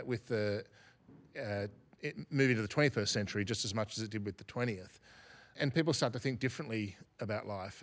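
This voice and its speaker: A man talks through ideas in a relaxed interview. He sounds reflective and unhurried, often circling back and restarting his sentences as he thinks aloud. His voice sits at a middle pitch. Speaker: academic guest. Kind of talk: thoughtful podcast interview.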